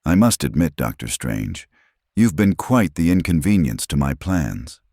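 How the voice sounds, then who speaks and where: A man's voice: very deep voice, big pitch swings, measured pace, dark tone, no echo, clean studio sound, exaggerated voice. A man reading as a silky, sinister old sith lord. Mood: menacing. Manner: silky, menacing.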